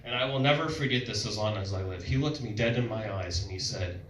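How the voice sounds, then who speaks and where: A young man on a comedy club stage, telling loud and playful stories with sudden vocal outbursts. He sounds distant in an echoey room. Audience noise carries clearly behind him. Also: on the low side, fast talker. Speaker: stand-up comedian. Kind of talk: stand-up comedy set. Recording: echoey club, mic heard from a distance, noisy crowd.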